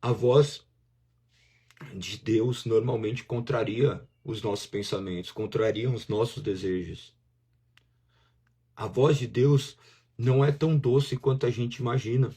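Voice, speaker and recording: Brazilian pastor, male, husky voice, talky sermon delivery that acts out inner voices. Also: mid-range voice, steady tone, unhurried, pauses often, dark tone. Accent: Brazilian Portuguese. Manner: conversational preaching, acts out inner voices in dialogue.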